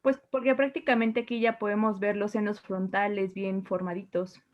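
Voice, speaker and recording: A woman's voice: medium pitch, level tone, moderate pace. Woman, medical student, matter-of-fact, muffled lo-fi audio. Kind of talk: class answer.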